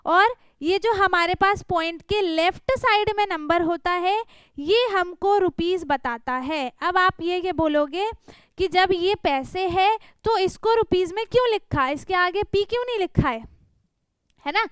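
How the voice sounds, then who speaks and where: A woman's voice: extremely high pitch, a little slow, a bit bright, no echo. A young woman, teaching a worksheet to small children and patiently checking that they follow along. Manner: patient, checks in with "theek hai" and "hai na". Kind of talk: explaining a worksheet to young pupils.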